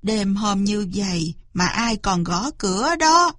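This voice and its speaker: A woman voicing a gruff, impatient older male farmer in a storybook reading. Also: medium pitch, big pitch swings, slow pace, fairly bright tone, no echo, studio quality, exaggerated voice. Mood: grumbling. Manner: blunt, grumbling.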